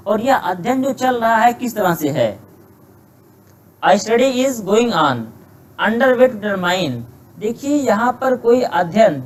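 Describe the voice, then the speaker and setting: A man teaching an exam-prep English grammar lesson. He reads English sentences slowly word by word, then explains them in Hindi, often posing rhetorical questions to himself. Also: sits high, a little hiss or hum, rough recording.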